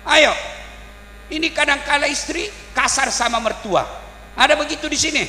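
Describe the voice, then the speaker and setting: A man giving a humorous sermon, lively and asking the crowd questions. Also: extremely high pitch, moderate pace. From South Sulawesi. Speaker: Islamic preacher. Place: large hall at a village celebration. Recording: echoey hall with faint mains hum.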